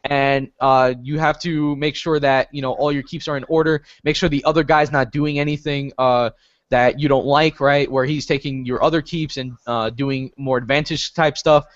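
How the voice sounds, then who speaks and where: A man's voice: mid-range voice, steady tone, moderate pace, dry recording, muffled recording. A man co-hosting a casual gaming podcast, talking hesitantly with many fillers and restarts. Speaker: podcast co-host.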